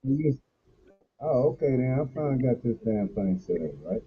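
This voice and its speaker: A man's voice: medium pitch, lively intonation, normal speed, a crowd in the background. Man sounding hollow, like from a hole. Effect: hollow, muffled sound as if talking from inside a hole. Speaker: co-host. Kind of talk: casual live-stream chat. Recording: muffled phone-like line with faint background hiss.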